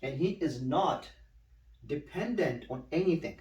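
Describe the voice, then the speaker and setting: A man teaching one student, patient and unhurried, often repeating each word slowly. He sits back from the mic in a roomy space, so his voice carries a clear echo. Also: on the high side, animated, darkish tone, recorded from a distance. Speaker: Quran recitation teacher. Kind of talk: one-on-one tutoring.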